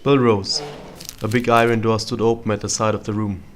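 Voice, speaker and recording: A man narrating a scripted story in old-fashioned radio drama style, with dry, measured delivery. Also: on the low side, flat delivery, slight background noise.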